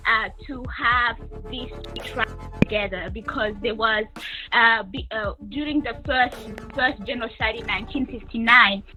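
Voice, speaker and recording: A woman's voice: fairly high pitch, over music, rough recording. A woman in her thirties from Rwanda, a guest telling her life story in an interview, speaking carefully with many restarts. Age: 30s. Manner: careful, halting, repeats and restarts while explaining.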